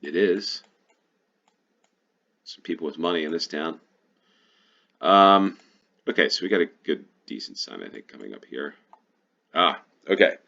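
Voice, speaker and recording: A man's voice: low voice, lively intonation, a little slow, vocal fry, long pauses, bright, forceful tone, lo-fi sound. An American man giving casual gameplay commentary as he plays, thinking aloud and correcting himself as he goes. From United States. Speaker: GeoGuessr player and host.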